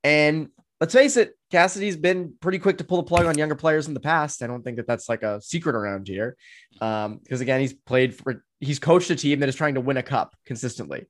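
A man's voice: mid-range voice, a little fast. A man appearing as a guest on a sports podcast, chatting casually and thinking aloud with lots of "um" and "you know".

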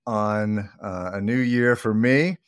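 A man's voice: low-pitched, lively intonation, brisk, background noise. A middle-aged man co-hosting a podcast in casual, joking chat with many fillers. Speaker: podcast co-host.

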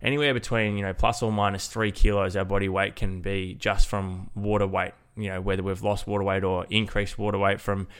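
He's a podcast host and fitness coach whose lowish voice sounds nasal and congested yet clear, resonant and fairly bright. Speaking casually on his solo fitness show, he goes a little fast with little pitch movement and hardly any pauses.

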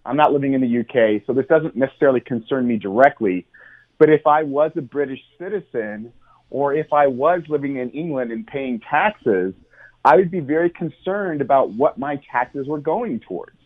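This American man, a journalist from the United States calling in to talk radio, speaks with a medium, expressive pitch at a moderate pace. He explains at length in an earnest way, stumbling through many ums and restarts. The phone line sounds tinny.

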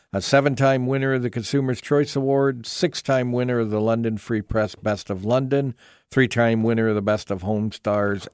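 A man's voice: medium pitch, a little mellow, no room sound, clean studio sound. A man with a Canadian accent co-hosting a radio show, mixing casual chat with show promotion. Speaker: radio co-host.

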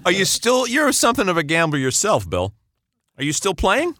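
A man's voice: high-pitched, wildly swooping pitch, normal speed, fairly bright tone, no room sound, studio quality. A man co-hosting a podcast, asking questions in casual interview chat.

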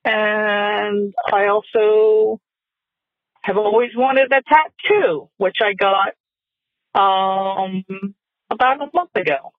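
Listener caller, woman in her 50s from Delaware, slow and hesitant, tinny phone sound. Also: medium pitch, dry recording. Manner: friendly, hesitant, with pauses and fillers. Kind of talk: recorded listener question.

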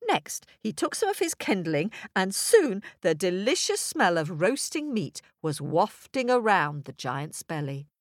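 A woman narrating a children's folk tale, expressive, playful and song-like. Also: medium pitch, measured pace, hardly any pauses, no echo, studio quality. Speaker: storyteller.

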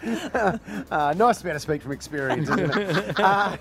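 An Australian man with a notably high-pitched voice. He co-hosts a breakfast radio show, chatting and bantering casually. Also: lively intonation, moderate pace, crowd noise.

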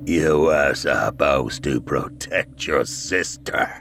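A man voicing a stern dead father with a gravelly, booming, accusing voice. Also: slow, fairly bright tone, faint music behind, exaggerated voice.

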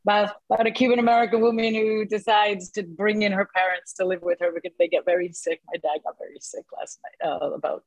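A woman in her sixties, an actress telling stories in a casual interview, animated and quick to laugh, with many fillers. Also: mid-range voice, dry recording, low-quality recording. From born in Cuba, raised in New Jersey. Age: 60s.

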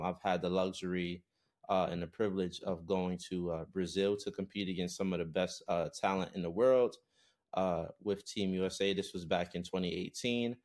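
A young man from Brooklyn, New York talks as a podcast guest with a very low voice. His casual chat is loose and relaxed and full of "uh" fillers. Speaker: podcast guest, recording artist.

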